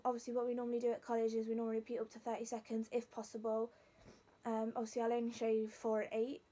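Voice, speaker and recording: A young woman with a Leicester accent, a singing student, casually talks the camera through her vocal warm-up exercises. Her voice sits fairly high and has a dark tone.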